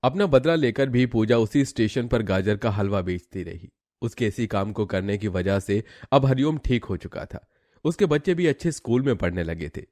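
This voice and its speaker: A man narrating a cartoon story in a steady, dramatic storytelling manner. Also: fairly low pitch, moderate pace, no room sound, studio quality.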